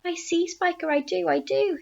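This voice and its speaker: Woman playing fat, greedy storybook aunt: very high, shrill, gushing, whiny. Muffled recording. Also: steady tone, moderate pace, gravelly, darkish tone. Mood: excited.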